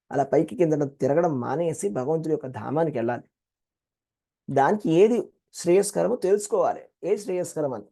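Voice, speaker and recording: A man with a Telugu accent leads a devotional class, animated and expressive, often slipping into quoted voices. His voice sits a little high for a man, with a mellow, warm tone. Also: creaky. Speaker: Gita teacher.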